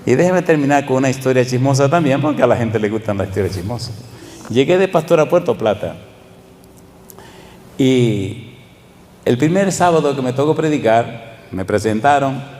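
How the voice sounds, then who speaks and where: A man's voice: medium pitch, lively intonation, moderate pace, long pauses, a little mellow, long reverb tail, a little hiss or hum. A Dominican man with a Dominican accent, a pastor preaching a sermon in a church and driving his points home with repeated rhetorical questions. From Dominican Republic.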